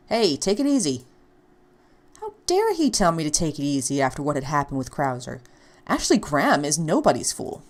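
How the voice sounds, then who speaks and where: A woman reading a visual novel aloud as a let's play, in a lowish voice that swings all over in pitch. She plays up the panic and the jokes with sarcastic asides, leaping from near-whispers to squeals. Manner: animated, sarcastic, comic asides. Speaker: game player.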